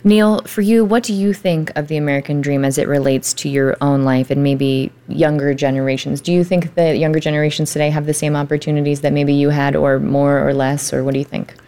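A woman moderating a panel discussion, asking questions in a polite, measured way. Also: low-pitched, level tone, dark tone.

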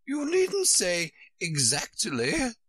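A man voicing a flustered, bossy old queen from a storybook in a squeaky falsetto, with emphatic, exclamatory delivery. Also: huge pitch swings, drawn-out words, fairly bright tone, husky, dry recording, heavily acted. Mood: decisive. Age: older. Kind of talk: storybook character reading.

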